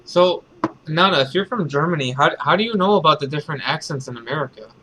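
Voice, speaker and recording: A man's voice: a little high, lively intonation, quick pace, background noise. A man casually commenting while playing a game, rambling and hesitant. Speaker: game streamer. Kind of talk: casual let's-play commentary.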